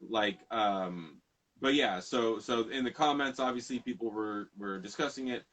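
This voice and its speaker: A man's voice: fairly low pitch, normal speed, a bit bright, rough recording. Rambling man hosting a casual talk. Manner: rambling, self-correcting. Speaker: podcast host. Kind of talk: casual conversation.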